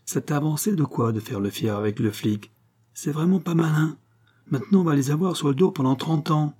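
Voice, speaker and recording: A man voicing a grumbling middle-aged farmer who speaks gruffly and sounds resigned. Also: medium pitch, normal speed, dark tone, natural voice. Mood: annoyed. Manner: gruff, quarrelsome.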